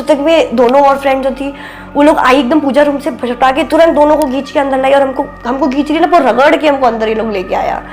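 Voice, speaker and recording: A young woman with a soft, babyish voice, telling a story as a podcast guest and acting out what people said. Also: sits high. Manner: animated, acts out quoted speech, mixes in English words. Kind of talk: casual spoken storytelling.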